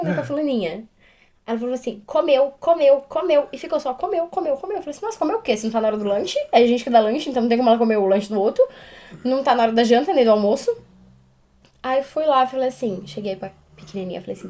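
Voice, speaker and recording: A young woman, a preschool teacher co-hosting a podcast, chatting casually and telling animated stories about her pupils. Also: a little high. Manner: animated storytelling, acting out children's voices. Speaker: podcast co-host. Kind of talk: casual chat.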